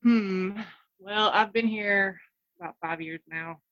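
A woman with a rural Carolina accent and folksy country drawl, chatting casually in a soft, nervous, hesitant voice as a call-in guest. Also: mid-range voice, slow pace, dry recording, lo-fi sound. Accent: Southern US, rural Carolina. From North Carolina, US. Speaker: guest calling in to a live show. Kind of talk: casual chat.

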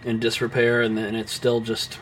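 A young man co-hosting a casual film podcast, his speech full of ums, restarts and offhand swearing. His voice sits at an ordinary pitch, with a faint hum of noise behind him. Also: completely flat delivery, normal speed. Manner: rambling, many fillers and restarts. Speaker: podcast co-host.

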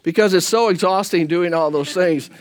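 High-voiced chatty pastor man. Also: normal speed. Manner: animated, chatty, often asks "right?". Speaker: pastor leading a Bible class. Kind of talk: conversational Bible class teaching.

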